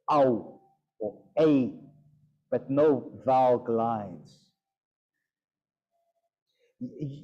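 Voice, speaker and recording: A man's voice: mid-range voice, dark tone. A man teaching a yoga and Sanskrit pronunciation class, playful and demonstrating sounds aloud. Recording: dull lo-fi sound.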